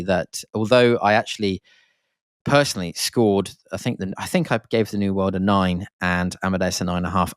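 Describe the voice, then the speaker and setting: A man's voice: fairly low pitch, no echo, clean studio sound. A man hosting a podcast, rambling and enthusiastic, with lots of fillers and restarts. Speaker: podcast host. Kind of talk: casual podcast monologue.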